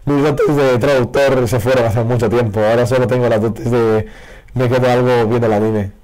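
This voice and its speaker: Hoarse man opening card packs. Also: mid-range voice, moderate pace. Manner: excitable, reacts loudly to pulls. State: hoarse, losing his voice. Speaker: card game video creator. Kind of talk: casual pack-opening commentary. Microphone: faulty broken microphone.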